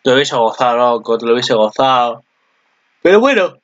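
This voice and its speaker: A man's voice: medium pitch, brisk. Young guy rambling about anime, gets all worked up, dull lo-fi mic. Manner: excitable, rambling, jumps to loud exclamations. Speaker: anime commentator. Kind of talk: casual video commentary.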